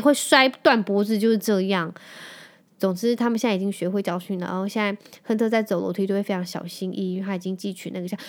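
A woman in her thirties with a Taiwanese Mandarin accent hosts a casual podcast. She tells a long personal story in a lively, chatty way. She keeps turning to her listeners and speaking to them directly. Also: mid-range voice. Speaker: podcast host.

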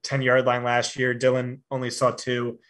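Podcast guest analyst, male, conversational, stumbles into sentences then states views flatly. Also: mid-range voice, moderate pace. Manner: frequent fillers and repeated starts, confident opinions. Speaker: fantasy football analyst guest. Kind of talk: casual podcast discussion.

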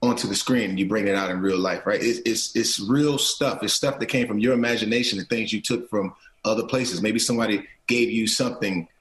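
A middle-aged actor and producer talks earnestly as a guest in a casual interview, restarting phrases and often checking in with "right?" His fairly low voice runs a little fast, and the rough recording is reverberant.

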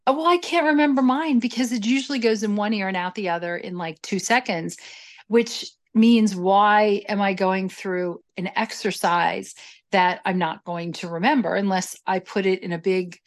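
A woman's voice: medium pitch, moderate pace. A woman co-hosting a podcast, who rambles in casual chat and makes fun of herself. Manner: rambling and self-deprecating, with many restarts. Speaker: podcast co-host.

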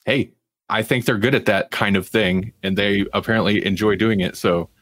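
In a studio-quality recording with no room sound, a male podcast co-host with a fairly low, fairly bright voice chats about television. He speaks at a moderate pace with fairly even intonation, rambling casually through a review.

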